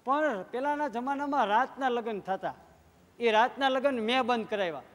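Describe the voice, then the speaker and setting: With an extremely high-pitched voice at a moderate pace and a long reverb tail, a man performs comic stories at a live dayro folk show. As a lively stage humorist, he acts out each line of dialogue.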